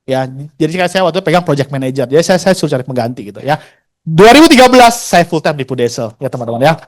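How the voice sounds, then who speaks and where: A fast-talking man in his forties with a high, bouncy voice tells his career story to a crowd of colleagues. He is chatty and slangy, and he acts out the people he quotes. His pitch swings widely as he goes. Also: animated. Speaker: insurance agent sharing his career story. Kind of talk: motivational storytelling talk.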